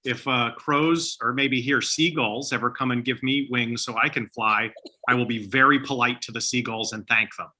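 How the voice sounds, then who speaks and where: A man's voice: mid-range voice, steady tone, moderate pace, pushed and bright. A middle-aged man speaking as an interview guest, thoughtful and earnest in a casual chat about books. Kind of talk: casual reflective book chat.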